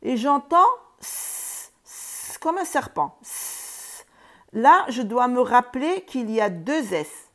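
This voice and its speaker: A woman teaching reading and spelling, sounding out words slowly, syllable by syllable. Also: fairly high pitch, lively intonation, a bit bright. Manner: slow, syllable by syllable, sounding out letters.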